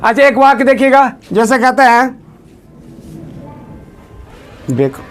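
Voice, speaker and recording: A man's voice: very high voice, very animated, takes it slowly, some chatter behind. A man teaching English grammar, repeating questions and calling on students to answer aloud. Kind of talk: classroom lesson.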